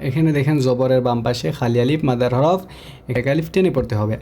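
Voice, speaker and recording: A man teaching Quran recitation, slowly spelling out and chanting Arabic syllables between quicker spoken explanations. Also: medium pitch, mellow.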